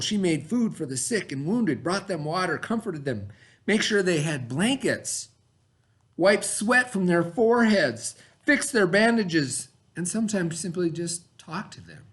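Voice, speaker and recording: This man's voice is on the high side. He reads aloud as a teacher would, expressive and instructive, with questions and plain explanations aimed at pupils.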